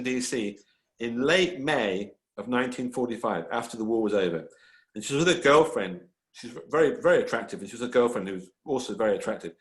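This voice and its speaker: Male author guest, mid pitch, rambling and eager, echoey room. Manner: enthusiastic, rambling storyteller with many restarts. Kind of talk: casual panel talk. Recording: roomy echo.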